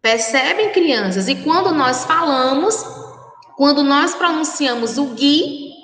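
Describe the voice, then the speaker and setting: Lively Brazilian woman teacher, slow sing-song. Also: high voice, reverberant, in a large hall, low-quality recording. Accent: Brazilian Portuguese. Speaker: primary school teacher. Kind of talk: recorded remote class lesson.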